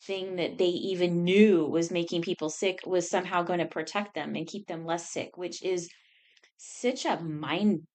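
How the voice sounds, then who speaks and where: Chatty woman podcast co-host, lowish voice. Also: normal speed. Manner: chatty, laughs often, animated retelling. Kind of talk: casual conversational chat.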